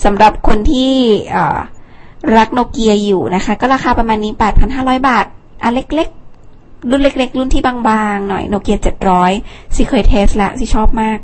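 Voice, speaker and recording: A young woman hosting a casual phone rundown, chatty, with fillers and asides. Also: mid-range voice. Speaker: tech show host.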